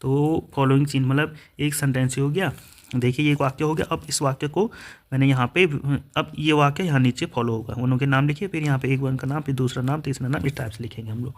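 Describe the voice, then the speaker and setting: A man's voice: medium pitch, fairly even intonation, quick pace. A man teaching an exam-prep grammar lesson, explaining step by step through worked examples. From India.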